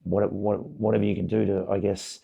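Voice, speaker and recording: A middle-aged man with a hoarse, croaky voice, talking casually as a podcast guest, with many fillers and restarts. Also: lowish voice, level tone, a little fast, phone-quality sound. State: hoarse, voice partly gone. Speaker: podcast guest, basketball facility owner. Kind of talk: casual interview chat.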